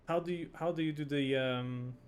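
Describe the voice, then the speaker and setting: A man's voice: fairly high pitch, normal speed, clean tone. A man streaming a game live, chatting casually and reacting aloud as he plays and reads chat.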